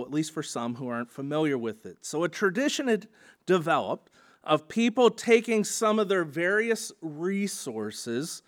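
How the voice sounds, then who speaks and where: Male pastor, sermon delivery, slightly higher voice, earnest teaching tone with "and so" links and "uh" pauses. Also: fairly bright tone.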